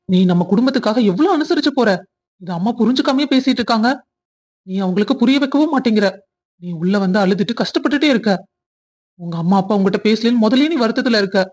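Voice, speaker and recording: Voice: medium pitch, a little mellow, lightly acted. Someone voicing an earnest young cartoon husband. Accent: Kongu Tamil. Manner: pleading, protective. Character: earnest young husband, defending his wife. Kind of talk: cartoon family drama voice acting.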